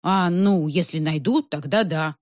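A woman's voice: lowish voice, moderate pace, no echo, close to an everyday voice. A big, surly man mumbles thickly through his words in a storybook reading, as a woman acts him out. His speech comes out muffled and reluctant. The recording is dry, with no room sound. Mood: gruff. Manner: mumbling, as if with hot potato in mouth. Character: massive gruff man who mumbles.

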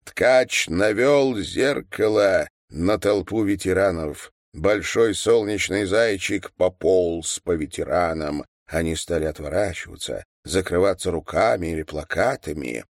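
A man narrating a story as an audiobook reader, in a measured storytelling manner. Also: sits low, animated, no room sound, studio quality. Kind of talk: audiobook reading.

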